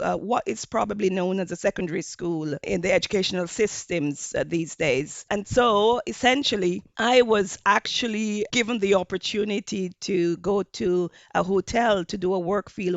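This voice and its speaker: A Jamaican woman who is a hospitality professor gives measured interview answers sprinkled with fillers, speaking with a Jamaican accent. Her mid-range voice sounds gravelly, and the lo-fi recording has no echo.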